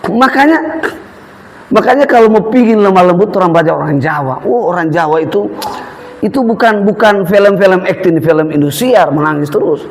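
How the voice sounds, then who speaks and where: A man's voice: high voice, normal speed, a little hiss or hum. A man preaching a sermon, telling stories with humor and acting out voices. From Eastern Indonesia. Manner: lively, humorous storytelling with mimicked voices. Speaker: pastor.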